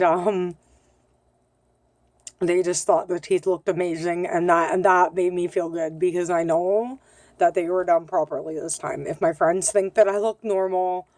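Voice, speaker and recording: A woman's voice: fairly low pitch, darkish tone, no echo. Hesitant woman in her thirties with a lisp. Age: 30s. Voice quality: slight lisp. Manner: hesitant, lots of ums, candid and self-conscious. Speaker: vlogger. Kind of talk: casual video diary.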